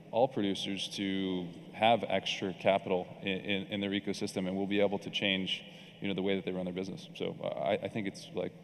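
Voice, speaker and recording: Panelist: man, very deep and flat, halting, in a reverberant hall with faint noise. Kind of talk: panel discussion.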